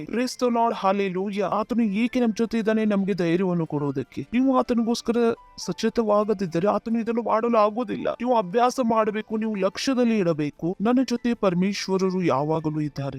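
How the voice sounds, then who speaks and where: A man's voice: high voice, moderate pace, darkish tone, soft background music. A male pastor preaching a sermon, often calling out "Praise the Lord" and asking the congregation to repeat after him.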